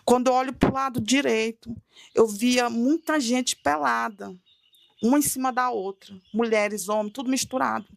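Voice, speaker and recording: A woman with a gravelly, fairly high voice recounts a religious testimony with dramatic storytelling. She acts out her own pleading cries as she tells it. The sound is close and dry. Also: fairly even intonation, moderate pace, no echo. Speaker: guest telling a testimony.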